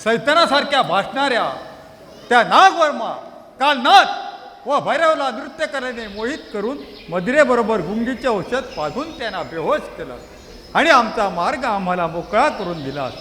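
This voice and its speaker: A man's voice: very high-pitched, big pitch swings, normal speed, sharp tone, slight background noise, full character voice. A man playing a gallant young warrior hero. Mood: tender. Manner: courtly, affectionate. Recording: echoey hall, music and tabla behind.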